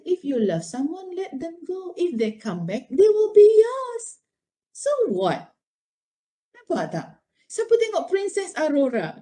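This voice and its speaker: Middle-aged woman, Malaysian accent, animated lecturer, mellow tone, slightly high voice, code-switching. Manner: expressive, mixes Malay and English, frequent rhetorical questions. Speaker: lecturer giving a university talk.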